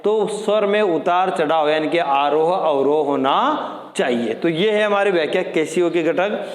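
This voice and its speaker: Male teacher, high voice, patient drilling delivery, reverberant room. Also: normal speed. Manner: explains step by step, repeats key terms as questions. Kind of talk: exam-prep lecture.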